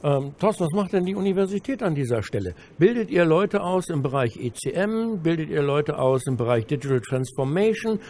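A man moderating a panel discussion on a trade fair stage, asking questions and cutting in with quick, teasing remarks. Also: a little high, lively intonation, a little mellow, a little hiss or hum. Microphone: handheld mic.

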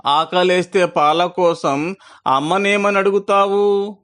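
Guy doing a crying baby kitten from a kids storybook, slow pleading sing-song lines, a bit high. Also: fairly even intonation, fairly bright tone, smooth. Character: tearful orphaned baby kitten, hungry and stubborn.

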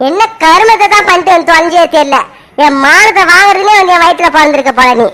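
This is an angry middle-aged mother in a homemade family drama, scolding her daughter without letup , voiced by a woman. The voice is very high and bright, and she fires off sharp questions and stern warnings. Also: fast. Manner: sharp, scolding, repeated "ஆ?" demands. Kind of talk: amateur family drama acting.

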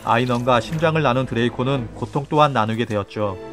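A man's voice: mid-range voice, quick pace. A man reading a scripted film recap as a voice-over narrator. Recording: loud film music behind voice-over. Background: film score.

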